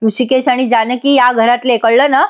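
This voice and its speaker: A woman's voice: a little high, steady tone, normal speed, natural voice. A woman reading the lines of a defiant young woman who speaks sharply in her family's defense.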